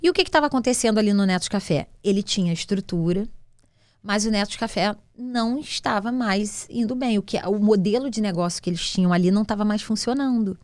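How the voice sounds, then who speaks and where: A woman's voice: medium pitch, fairly quick, no echo. A woman from Brazil, a guest in an interview, telling a personal story with feeling, acting out conversations with many restarts. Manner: animated, acts out dialogue with many restarts. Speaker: guest, restaurant business owner.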